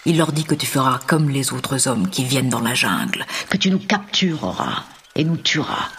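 Bagheera, a man playing a soft-spoken wise panther. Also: mid-range voice, big pitch swings, moderate pace. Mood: gentle. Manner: soft, half-whispered counsel. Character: wise protective panther, gentle guardian.

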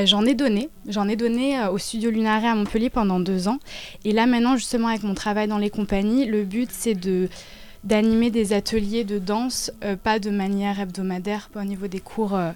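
A woman in her twenties, a dancer and choreographer, talks about her work in a casual interview, halting often as she searches for words. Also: mid-range voice, darkish tone, clear, resonant tone. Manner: halting, with many hesitations.

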